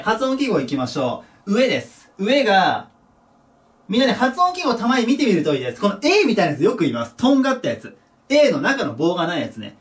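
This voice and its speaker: A man teaching a recorded English pronunciation lesson, animated, dropping low to repeat example words. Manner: lively, drops to a low murmur for example words. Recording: voice a bit distant from the mic.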